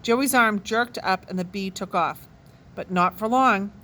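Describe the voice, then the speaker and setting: A woman reading a children's novel aloud with expressive, animated storytelling. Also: medium pitch, unhurried, slight background noise. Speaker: children's book reader.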